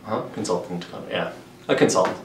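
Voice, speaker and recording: Low-voiced man in a roomy distant recording. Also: fairly quick, a little hiss or hum. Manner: relaxed, many fillers and restarts. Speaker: web programmer guest. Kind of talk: conversational interview answers. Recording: roomy, distant mic with faint ambience.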